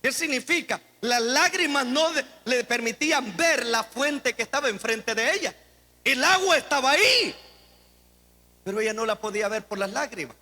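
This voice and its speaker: A man preaching a dramatic sermon as pastor, swinging between shouts and quiet asides. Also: very high voice, normal speed, hardly any pauses. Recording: long hall reverb.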